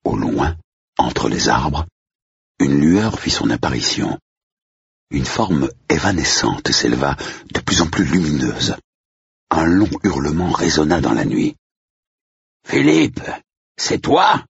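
A man reading a story aloud in a steady, measured way, with a slightly dull recording. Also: extremely low pitch, creaky, breathy edge, no echo. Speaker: narrator. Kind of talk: scripted narration.

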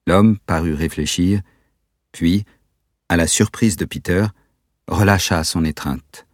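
A man narrating an audiobook in a measured, even storytelling manner. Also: sits low, no room sound, studio quality. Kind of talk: scripted narration.

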